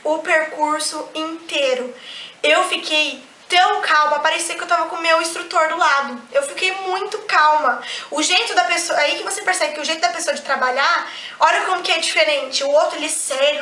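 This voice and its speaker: A woman's voice: extremely high pitch, slight background noise. A young woman with a Brazilian accent, chatting animatedly as a vlogger, telling a personal story with many restarts. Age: young adult. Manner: animated, quick restarts, acts out quoted lines. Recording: echoey room.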